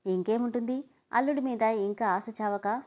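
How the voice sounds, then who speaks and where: Lady doing sneaky gossipy uncle, insinuating, mellow. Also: on the high side, normal speed, close to an everyday voice. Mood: sly.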